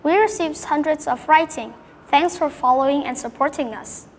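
A woman hosts a storytelling show with upbeat, scripted lines. Her voice is high and rings with a long echo over faint background noise. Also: moderate pace. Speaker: host.

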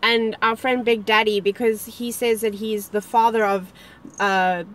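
A woman's voice: a little high, level tone, a little slow, fairly bright tone. A young woman, co-hosting a casual chat outdoors in a park, playful and full of "like". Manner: chatty and playful, peppered with "like". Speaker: co-host.

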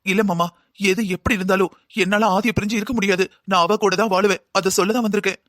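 A man's voice: high voice, fairly even intonation, quick pace, fairly bright tone. A man voicing an earnest pleading cartoon husband. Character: young husband, pleading and lovesick. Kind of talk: cartoon drama voice acting.

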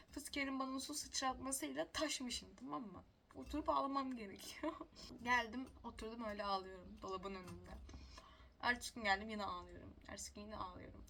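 A woman's voice: fairly high pitch, creaky, fairly bright tone, slight background noise. A young woman telling stories casually to the camera, chatty and self-mocking, laughing often. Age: young adult. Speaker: vlogger.

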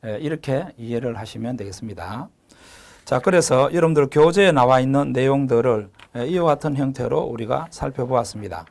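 A middle-aged man giving a recorded exam-prep lecture, repeating key terms, filling pauses with a drawn-out "에" and checking in with "그죠?" after each point. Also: mid-range voice, vocal fry, darkish tone. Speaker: lecturer for a gas engineering exam course.

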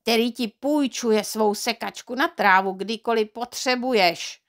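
A woman voicing a gruff, stingy middle-aged male neighbour who mocks and argues loudly. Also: fairly high pitch, close to an everyday voice. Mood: retorting. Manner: mocking, loud.

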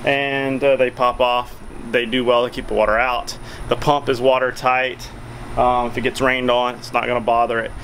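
A man's voice: mid-range voice, flat delivery, moderate pace, a bit bright, a little hiss or hum, rough recording. A man, giving a chatty, folksy product review outdoors on a covered backyard patio, filming with a handheld camera at arm's length. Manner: chatty, filler-heavy, folksy. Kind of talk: casual product review vlog.

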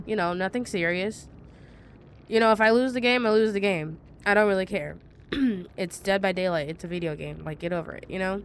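A woman's voice: medium pitch, fairly quick. Young woman, gaming vlog, rambling chatty storytelling, sarcastic, faint hiss behind. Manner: chatty storytelling with many fillers; exasperated, sarcastic retelling. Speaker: gaming vlogger. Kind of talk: casual gameplay commentary.

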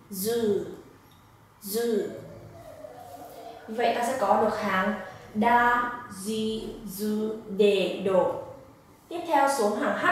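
Woman teacher going slow over syllables, voice a bit far off in an echoey room. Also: medium pitch, slight background noise. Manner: slow, careful demonstration of syllables. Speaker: Japanese teacher. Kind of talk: pronunciation lesson.

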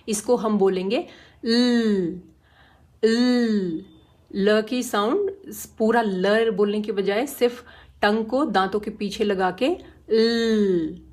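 A woman's voice: mid-range voice, a little mellow. A woman teaching phonics, explaining each letter patiently and demonstrating its sound again and again. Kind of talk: slow, careful phonics lesson.

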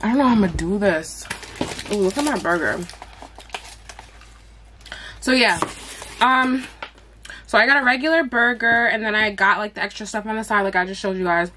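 A woman's voice: medium pitch, normal speed, long pauses, bright, forceful tone, slight background noise. A young woman chatting casually while she eats on camera for a mukbang vlog, blunt and full of slang. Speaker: mukbang vlogger. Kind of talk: casual chat while eating. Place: at home.

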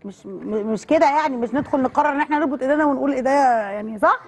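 A woman with an Egyptian accent hosting a children's TV show, telling a story in an animated, coaxing way and quizzing the kids. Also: high voice, racing, slightly rough. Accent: Egyptian Arabic. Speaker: children's TV host. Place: TV studio.

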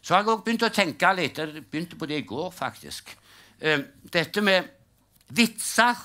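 A man's voice: high-pitched, expressive, bright, forceful tone. An older man doing a live stand-up routine, telling jokes in a dry storytelling way and acting out the punchlines. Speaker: stand-up comedian. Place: live comedy stage.

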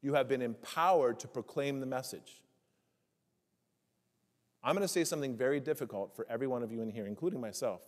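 A male pastor giving a sermon to his congregation. He asks many rhetorical questions and slows down to stress key phrases. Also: medium pitch. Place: church sanctuary. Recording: long church reverb.

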